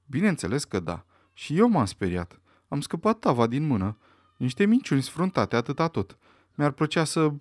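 A man reading aloud, voicing a panicky, servile middle-aged butler who pleads in a hurried way. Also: on the high side, very animated, no echo, clean studio sound, voice pushed up. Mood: pleading.

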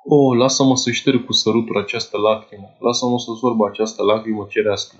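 A man's voice: fairly low pitch, steady tone, highs cut off, natural voice. A man voicing a wild male conqueror, lovestruck and grandiose, declaiming in lofty phrases. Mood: rapturous.

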